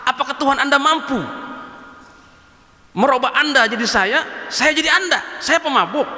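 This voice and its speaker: A man's voice: very high-pitched, normal speed, sharp tone, exaggerated voice. A male preacher voicing a brash drunkard man who challenges a holy sheikh with bold questions. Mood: challenging. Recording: echoey hall.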